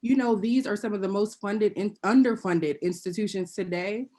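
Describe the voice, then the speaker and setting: A woman giving prepared remarks as a panelist over a video call. She speaks earnestly and pointedly, with wry asides, and now and then clears her throat. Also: medium pitch, normal speed, warm tone. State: occasionally choking and clearing throat.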